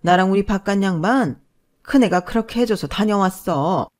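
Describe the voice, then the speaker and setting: A woman voicing a furious older mother-in-law who scolds loudly in a Korean family story. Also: medium pitch, moderate pace, lightly acted. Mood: indignant. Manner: loud scolding tirade.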